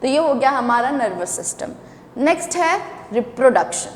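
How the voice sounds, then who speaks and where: A woman with a high-pitched, lively voice gives a biology lecture in a classroom, mixing Hindi and English, with a long reverb tail and slight hiss or hum. She explains step by step and questions the class, drawing out technical terms before bursting into quick speech.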